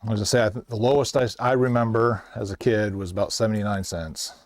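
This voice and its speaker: A man's voice: lowish voice, steady tone, fast talker, a little hiss or hum. A middle-aged man working as a shopkeeper, chatting casually with customers. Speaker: shop owner or clerk streaming.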